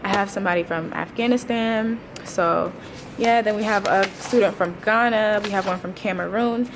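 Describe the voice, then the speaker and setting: Speaking at a moderate pace over a noisy background, the woman has a medium-pitched voice. She's a teacher in her twenties who vlogs, addressing her audience casually with slang and wry side comments.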